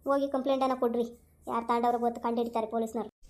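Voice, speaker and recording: A woman's voice: a little high, flat delivery, very fast, a little mellow, close to an everyday voice. A woman, playing a young wife who defends herself against blame in a village family drama. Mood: defensive. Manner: pleading, defensive. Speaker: actress.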